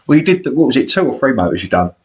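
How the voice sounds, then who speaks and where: A British man with a smoker's rasp and cough, giving chatty, blokey, self-deprecating commentary on a football management game as he live streams. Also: medium pitch, big pitch swings, rapid-fire, a little mellow.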